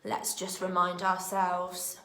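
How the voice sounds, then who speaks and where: A woman teaching young children in a recorded lesson, with a British accent and a clear, expressive way of talking. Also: lowish voice, reverberant, slight background noise. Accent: British English. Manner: slow, clear and expressive, speaking to small children. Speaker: primary school teacher.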